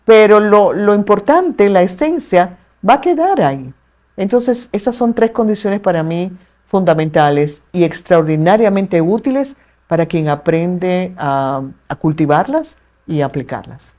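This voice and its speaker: A woman with a Dominican accent, a communication expert speaking as a guest in an interview, articulate and measured with playful asides. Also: on the low side, lively intonation, dark tone. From Dominican Republic. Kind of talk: explanatory interview talk.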